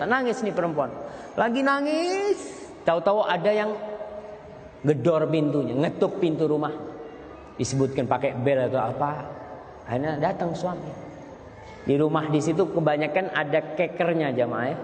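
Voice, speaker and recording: A male preacher giving a sermon on marriage, telling stories, his voice leaping higher for emphasis. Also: lively intonation, moderate pace. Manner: storytelling, voice leaps higher for emphasis. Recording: echoey hall with long reverb, faint noise.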